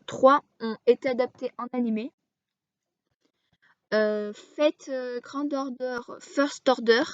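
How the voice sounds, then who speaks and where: High-voiced woman, slow halting explainer. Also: dry recording. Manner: halting, frequent hesitations while listing titles. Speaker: anime video creator. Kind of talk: casual explainer to camera. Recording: dull lo-fi dry recording.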